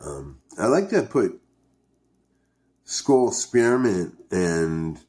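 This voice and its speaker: Reviewing dipping tobacco, this Canadian man rambles through a casual vlog chat with his viewers, hesitating and thinking out loud. He speaks very slowly in a low, sing-song, slightly mellow voice.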